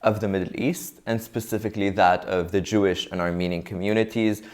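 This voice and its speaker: A young man from Lebanon, a guest answering interview questions in a thoughtful, measured way, often restarting his sentences. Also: fairly low pitch, steady tone, a little mellow.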